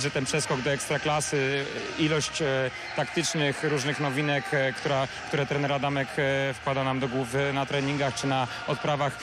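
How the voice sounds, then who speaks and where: A young male basketball player talks through a post-match interview in a flat, even tone, pausing often with fillers. His handheld mic picks up clear background noise from the arena. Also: medium pitch. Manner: hesitant, many filler sounds. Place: courtside interview wall in an arena. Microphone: handheld reporter mic.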